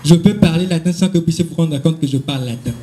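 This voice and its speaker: A man's voice: fairly high pitch, fast, noisy background. A man with a Congolese French accent answering questions at a school event, explaining at length and switching between Latin and French with frequent hesitations.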